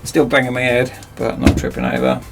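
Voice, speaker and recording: A man's voice: medium pitch, flat delivery, brisk, creaky, loud music behind the voice. A man chatting casually and self-mockingly as he rambles through a DIY project in his cramped home workshop. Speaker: DIY video host.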